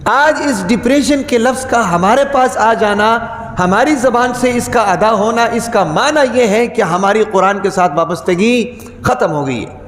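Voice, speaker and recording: A man's voice: sits high, fairly bright tone, slight background noise. A man giving a Friday sermon, who keeps putting rhetorical questions to the congregation and repeats key words for emphasis. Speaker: preacher. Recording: echoey hall with long reverb.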